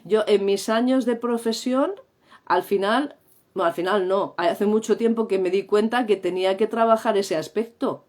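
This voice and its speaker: Speaking at a normal speed, a middle-aged woman from Spain runs a live-streamed English lesson in her Spain Spanish accent. She's playful and theatrical, acting out sounds, and her medium-pitched voice has a darkish tone.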